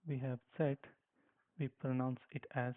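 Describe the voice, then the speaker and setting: A man's voice: medium pitch, steady tone, moderate pace. A man teaching a language lesson, patiently spelling out letters one at a time and saying how each one sounds. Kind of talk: slow spoken lesson with repetition. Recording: tinny phone-like sound.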